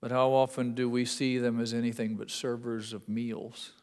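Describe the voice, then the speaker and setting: In a church sanctuary full of long reverb, a male pastor speaks with an Indiana accent, his medium-pitched, darkish voice moving little in pitch at a moderate pace. He delivers his sermon earnestly and conversationally, with folksy asides.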